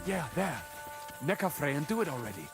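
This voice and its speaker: A man's voice: a little high, sing-song, a little fast. An actor playing an impatient male soldier companion in a video game, speaking in a curt, pushy way. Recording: game audio over loud music. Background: loud music score.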